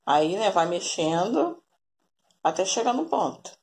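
A woman's voice: lowish voice, sing-song, measured pace, a little mellow. A Brazilian woman in her forties, chatting through a cooking vlog at home and often calling her viewers family. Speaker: vlogger. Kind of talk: casual cooking vlog narration. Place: home kitchen, then outdoors in a yard. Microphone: phone camera held at arm's length.

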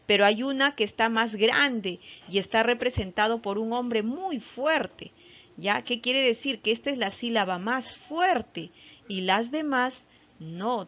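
A primary school teacher with a Peruvian Spanish accent gives a slow, patient online lesson to young children, often checking in with "¿ya?". Her voice is a little high and a bit bright, though the recording is muffled.

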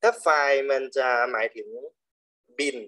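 A man teaching English to primary school children, slowly drilling words with big emphasis on each one. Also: mid-range voice, lively intonation, bright, forceful tone. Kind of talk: online English lesson for children.

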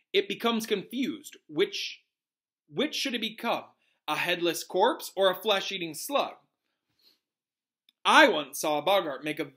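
Bir adamın canlandırdığı Profesör Lupin, canlı tonlamalı büyücü öğretmen. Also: male voice, sits high, pushed and bright, voice pushed up, exaggerated voice. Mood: keen, instructive. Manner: encouraging, clearly instructive, emphatic. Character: calm, cheerful male wizard professor teaching a class.

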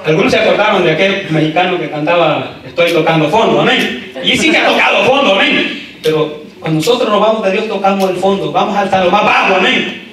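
A man preaching a sermon to a congregation, peppering his talk with "amén" and building up to loud shouted exhortations. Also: high voice, a little fast, crowd noise. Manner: frequent "amén" interjections, talks straight to the congregation. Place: church sanctuary. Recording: echoey church from a distant mic.

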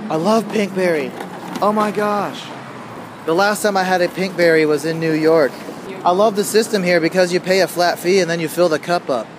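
A man's voice: sits high, brisk, background noise. A young man narrating a casual travel vlog, easygoing and full of filler words. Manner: laid-back, lots of filler words. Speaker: vlogger.

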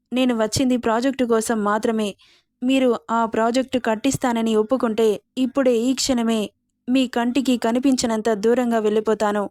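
A woman's voice: fairly high pitch, darkish tone, no echo, studio quality, lightly acted. Defiant young heroine pleading, read by a woman. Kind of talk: storybook romance reading.

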